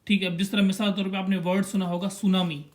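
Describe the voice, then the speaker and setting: Teaching a language class, this young man speaks in a noticeably high register. He stays calm and patient, indicating a chart as he pronounces each syllable slowly in turn.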